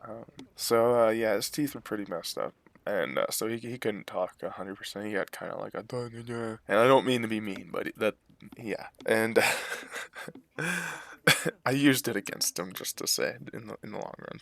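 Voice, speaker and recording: A man's voice: on the low side, vocal fry, no echo. A man casually telling a personal story to his viewers, rambling and profane, full of fillers and restarts, blunt and boastful. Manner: blunt, boastful, chuckles between lines.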